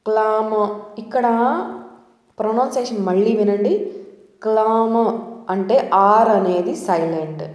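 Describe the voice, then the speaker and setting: A woman with a Telugu accent gives a patient vocabulary lesson, breaking words into slow syllables and asking listeners if they understand. Her voice is mellow and soft-edged. The recording sits in a roomy, reverberant space with a lingering echo. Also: medium pitch. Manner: explains patiently, drills pronunciation slowly syllable by syllable; frequent checking questions to the viewer. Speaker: English vocabulary teacher. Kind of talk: explanatory lesson. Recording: echoey room with long reverb.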